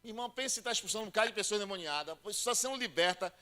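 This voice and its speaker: A man preaching a sermon as a pastor with a Bahian Brazilian accent, emphatic and direct, acting out doubters in a higher voice. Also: animated, racing, bright, forceful tone. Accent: Brazilian Portuguese, Bahian. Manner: emphatic, calls listeners "querido" and "irmão", acts out doubters in a high voice.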